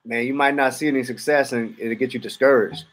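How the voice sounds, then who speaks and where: A man's voice: mid-range voice, fairly even intonation, brisk. A man answering a trainer's questions on a video call, thinking aloud as he goes. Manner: thinks aloud with fillers and restarts.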